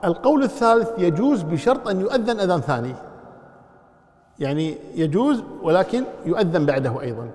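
A man's voice: sits high, big pitch swings, fast, darkish tone, long reverb tail. A man teaching Islamic law, explaining step by step and putting questions to his class. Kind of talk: lecture explaining a text.

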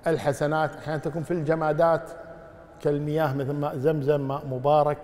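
A male Islamic scholar takes listeners' questions, his replies measured and full of pious formulas. He talks at a quick clip in a fairly high voice. A long hall reverb trails after him. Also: little pitch movement, a little mellow. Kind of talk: religious Q&A lesson.

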